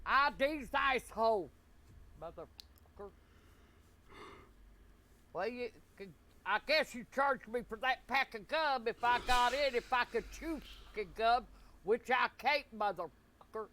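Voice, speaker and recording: A man's voice: expressive, a little slow, pauses often, pushed and bright, full character voice. A man voicing a foul-mouthed, defiant eighty-year-old grandmother in a comedy skit. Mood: defiant ranting. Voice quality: shrill cursing old-lady falsetto. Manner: profane, defiant, ranting.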